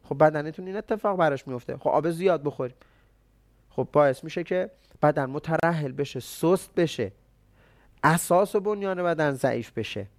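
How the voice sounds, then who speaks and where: A man with a somewhat high voice teaches traditional medicine in a relaxed, conversational way. He keeps asking his listeners questions and then answering them himself. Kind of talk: explanatory health talk.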